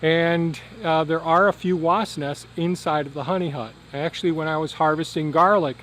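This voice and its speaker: A man giving a casual, explanatory outdoor vlog update in a halting way, with a tractor rumbling behind him. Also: steady tone, a bit bright. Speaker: gardening and beekeeping video host. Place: outdoors on a rural property by a hive hut. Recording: outdoor noise of tractor and insects. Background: tractor rumbling, insects.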